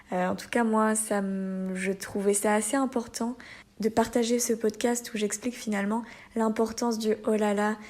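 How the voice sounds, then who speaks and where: A woman with a French accent, maybe from Normandy, hosts a lesson podcast, explaining expressions and acting out lively examples with a laugh now and then. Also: medium pitch. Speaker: French teacher.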